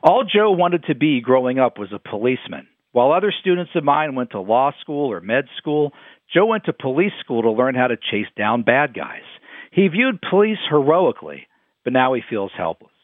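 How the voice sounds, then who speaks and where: A man's voice: medium pitch, sing-song, moderate pace, dry recording. A man delivering a scripted radio commentary, emphatic and quoting his sources. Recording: dry phone-like radio sound.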